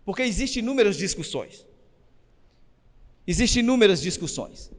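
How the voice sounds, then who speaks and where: A man preaching a sermon as pastor, asking the congregation questions and building up to shouted emphasis. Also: sits high, very animated, normal speed. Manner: rises to shouting when stressing a point. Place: church. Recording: long reverb of a church hall.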